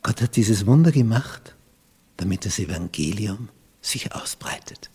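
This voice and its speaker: Austrian male pastor, slightly raspy, dramatic sermon delivery from booming to near-whisper, long hall reverb. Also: expressive, a little slow. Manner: dramatic swings from loud emphatic peaks to hushed near-whispers.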